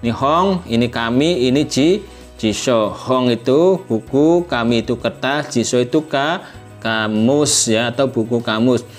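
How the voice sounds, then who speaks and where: A man's voice: mid-range voice, measured pace, soft background music. A man teaching a language lesson, patient and repetitive, who often checks in with listeners and models example sentences with an exaggerated rise at the end. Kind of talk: explanatory lesson.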